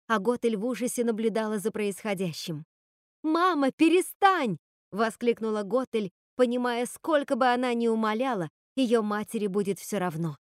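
A woman narrating a dark fairy tale audiobook in a steady, dramatic storytelling manner. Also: mid-range voice, dry recording, clean studio sound.

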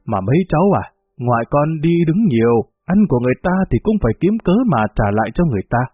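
A man voicing a calm older woman who settles a family quarrel, husky voice, tinny recording with faint music. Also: mid-range voice, fast talker. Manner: soothing, reasoning.

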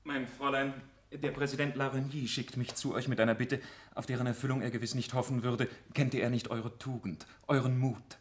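Actor as a courtly, urgent police lieutenant. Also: male voice, medium pitch, fairly even intonation, brisk, slight background noise, natural voice. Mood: urgent persuasion. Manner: courtly, earnest, emphatic. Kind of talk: German literary radio drama.

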